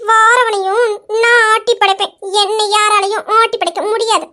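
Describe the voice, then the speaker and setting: This is a cheeky, carefree young woman who talks back, pouts and sulks, as a woman acts her out. Her voice is very high and light, and the scene sounds like an amateur romance skit. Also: fairly even intonation, moderate pace, bright, forceful tone. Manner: cheeky, pouting. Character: cheeky, idle young woman, sulky and playful.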